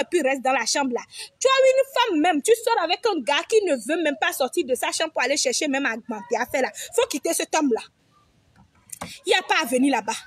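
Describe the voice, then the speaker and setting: Young woman vlogger, high-pitched, preachy and foul-mouthed, lecturing her audience. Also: no room sound. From Togo. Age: young adult. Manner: emphatic, repetitive, preachy; blunt, swears freely. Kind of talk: direct-to-camera advice monologue.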